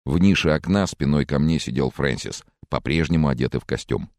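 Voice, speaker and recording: A man reading a first-person thriller audiobook in a calm, even way, close to the mic. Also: rumbling low, fairly quick, no echo. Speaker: audiobook narrator.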